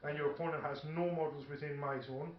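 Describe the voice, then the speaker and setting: A man chats casually while playing a tabletop wargame at an indoor gaming table. His voice is fairly high, steady, and fast, captured in a dull, echoey room with faint background noise and a radio playing.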